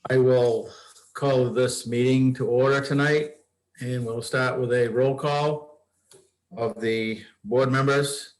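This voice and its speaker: A man chairing a board meeting in a formal, measured, procedural way. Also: mid-range voice, fairly even intonation. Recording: echoey room sound.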